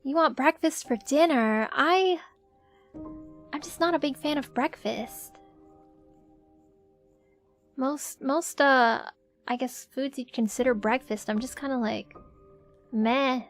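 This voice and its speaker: A woman's voice: high voice, slow, long pauses. A woman livestreamer chatting casually in a cute anime-streamer manner. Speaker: streamer, VTuber host. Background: faint music.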